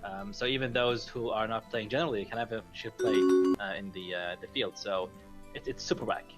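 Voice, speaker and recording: A man co-hosting a casual gaming podcast, talking hesitantly with lots of pauses and restarts. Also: on the low side. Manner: hesitant, many fillers and restarts, laughs easily. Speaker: podcast co-host. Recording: faint music bed behind.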